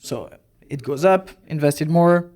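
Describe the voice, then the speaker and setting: A man in his thirties from Belgium, a podcast guest telling his story in a relaxed way, with hesitant fillers. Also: on the high side, a little slow. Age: 30s. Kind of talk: casual interview chat.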